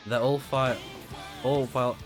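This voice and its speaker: Game music accompanies a young male game streamer whose slightly scratchy, medium-pitched voice has a flat delivery and a measured pace. Still, his casual live commentary on the video game is enthusiastic, and he thinks aloud as he plays.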